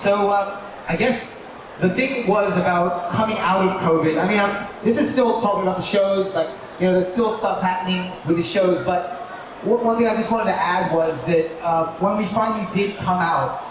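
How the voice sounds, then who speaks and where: At a large indoor shopping mall expo, a high-voiced man who co-founded a toy company talks casually to a live audience at a moderate pace. He's relaxed and meandering, often restarting sentences and using fillers. Crowd noise and the hall's echo surround his voice, captured by a distant mic.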